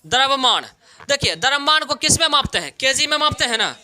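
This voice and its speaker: A male teacher runs an exam-prep science lesson. His voice sits very high and sounds bright and sharp. He keeps asking the class questions and then answers them himself with everyday examples. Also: sing-song, a little fast.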